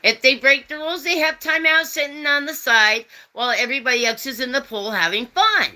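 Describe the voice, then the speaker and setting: A woman's voice: high voice, a little fast, bright, forceful tone, poor audio. A woman in her fifties hosting a rambling, folksy live chat and answering viewers' comments. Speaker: host. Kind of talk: casual chat.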